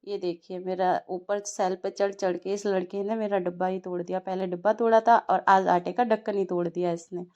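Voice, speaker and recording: A woman's voice: mid-range voice, level tone, a little fast, hardly any pauses, a little mellow, muffled recording. A young woman, a mother casually narrating her day at home, chatty and telling stories with small laughs.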